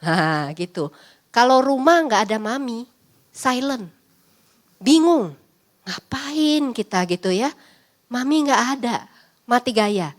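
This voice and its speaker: A woman's voice: fairly high pitch, expressive, slow, long pauses. A woman psychologist giving a parenting class in a chatty, teasing way, often acting out lines of parents and children. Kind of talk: parenting seminar talk.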